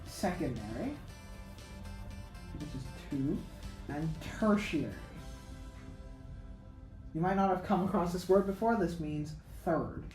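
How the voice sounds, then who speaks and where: A woman's voice: lowish voice, lively intonation, takes it slowly, long pauses, darkish tone, roomy sound, faint music behind, poor audio. A woman teaching English pronunciation in a casual lesson, thinking aloud with many fillers and self-corrections.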